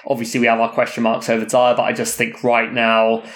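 A man's voice: medium pitch, monotone, fairly quick. A man in his thirties co-hosting a casual chat, talking in an emphatic, opinionated way. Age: 30s. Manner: opinionated, emphatic, thinks aloud. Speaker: podcast co-host.

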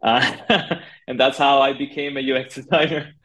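This Argentine podcast guest from Buenos Aires has a mid-range voice with fairly even intonation and a pushed, bright quality, recorded with lo-fi sound. Chatting casually about his career, he speaks haltingly and keeps dropping in fillers like "like" and "you know."

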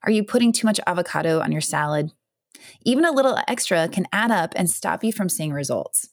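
A woman speaks as a coach and host, giving organized, scripted advice in an upbeat, emphatic manner. Her voice sits a little low with a clear vocal fry. The sound is close and dry. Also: expressive, brisk, no echo. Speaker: health and fat loss coach, host. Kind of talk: scripted advice talk to the listener.

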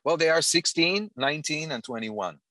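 A middle-aged man from the Dominican Republic, a panel guest speaking earnestly and haltingly in casual conversation. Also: on the high side, expressive, sharp tone, no echo. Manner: earnest, halting, with frequent restarts.

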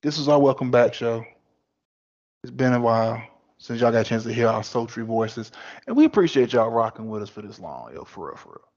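A man's voice: medium pitch, lively intonation, a little fast, a little mellow. Male co-host, blunt and profane, easygoing chat, muffled audio. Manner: blunt, swears freely, laid-back banter. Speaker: podcast co-host. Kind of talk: casual chat.

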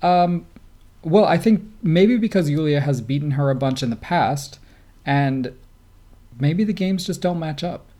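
A man's voice: fairly high pitch, measured pace, warm tone. Man with a Great Lakes accent. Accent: Great Lakes American. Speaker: podcast co-host. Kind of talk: casual sports commentary.

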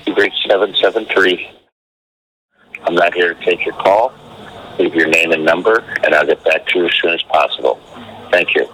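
Low-voiced man on an answering machine greeting. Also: steady tone, moderate pace, pauses often, bright, forceful tone, soft background music, rough recording. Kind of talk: recorded outgoing phone message.

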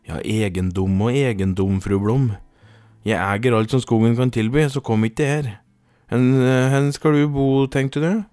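A man voicing a bold, quick-tempered young woman who scolds loudly and cheekily. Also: mid-range voice, expressive, no room sound, studio quality, natural voice. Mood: cheeky.

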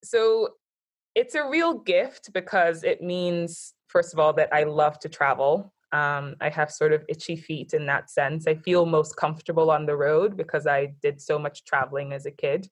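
Woman, american accent, low voice, reflective casual talk. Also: moderate pace. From born in Japan, Nigerian, raised in the US. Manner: thoughtful, reflective, frequent fillers. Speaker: guest. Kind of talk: casual conversation.

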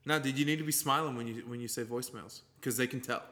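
A man's voice: medium pitch, fast, sharp tone. A young man co-hosting a casual chat, teasing his friend, laughing often and swearing freely. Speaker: podcast co-host.

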